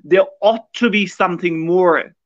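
A man with a Kashmiri accent speaks as an interview guest, explaining at length in a slightly high voice. The sound is very dry and a little dull, like lo-fi call audio. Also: unhurried, a bit bright, dry recording. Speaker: podcast guest.

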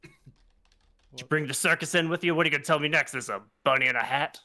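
Guy doing cocky half-drow rogue, folksy teasing drawl, bright voice. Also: on the high side, a little fast.

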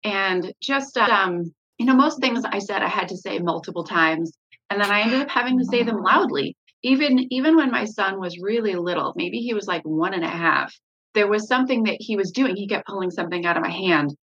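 Woman, mother, candid interview talk, husky bright tone, slightly muffled audio. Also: mid-range voice, expressive, a little fast. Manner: candid, frequent fillers and restarts. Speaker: parent guest sharing her story.

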